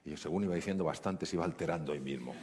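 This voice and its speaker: A man's voice: sits low, rapid-fire, noisy background. A man with a Spain Spanish accent, a doctor telling a story in a talk and acting out the dialogue with animation.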